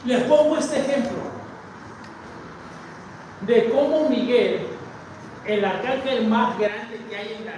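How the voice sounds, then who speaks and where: A Mexican pastor with a high-pitched voice preaches a sermon, swinging between loud declarations and hushed asides as he calls out to the congregation. He is picked up from a distance in a big, very echoey sanctuary. Steady noise sits under the recording. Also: takes it slowly, long pauses. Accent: Mexican Spanish. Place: large church sanctuary with a balcony. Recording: very echoey church from far off, noisy.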